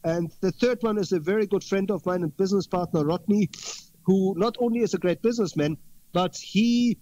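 A man's voice: high voice, fairly quick, warm tone, highs cut off, a little hiss or hum. A man speaking as a guest in an interview conversation, earnest and repeating words for emphasis.

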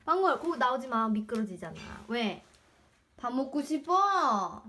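A woman's voice: high-pitched, sing-song, unhurried, sharp tone, slight background noise. A young woman in her twenties vlogging in casual chat, playful and sing-song as she coos at her dog. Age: 20s.

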